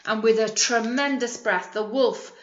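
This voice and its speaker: A teacher reads a storybook aloud to young children with plenty of expression, pausing to ask them simple questions. Her voice is a little high, her intonation fairly even, and her pace unhurried. The room is echoey and the sound a bit muffled.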